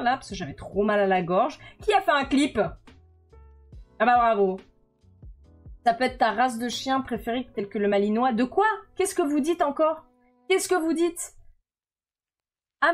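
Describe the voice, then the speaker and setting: A woman streaming live, chatting casually and playfully with her viewers as she reads the chat aloud. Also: fairly high pitch. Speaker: streamer drawing commissions live. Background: faint music.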